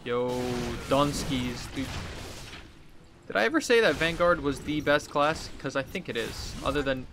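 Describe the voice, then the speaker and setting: In a slightly high voice with lively intonation, a gaming video host in his thirties speaks at a measured pace, his tone a bit bright and accompanied by a little hiss or hum. He's at a computer indoors over game music, reacting and thinking aloud in casual, slangy let's play commentary.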